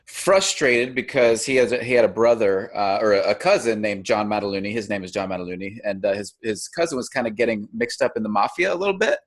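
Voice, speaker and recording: A man's voice: on the low side, fast talker, few pauses. A man born in New York and raised in Atlanta, chatting as a podcast guest, friendly, stammering and repeating words. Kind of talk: casual podcast chat.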